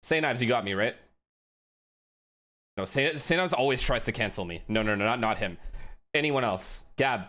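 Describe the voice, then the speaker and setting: A man streaming a live esports watch-along, excitable and profane, talking straight to his chat. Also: mid-range voice, normal speed, long pauses.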